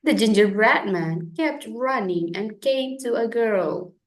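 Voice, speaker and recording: A woman reads a children's picture book aloud, taking a deliberate, expressive storytelling approach. Her voice is a little high.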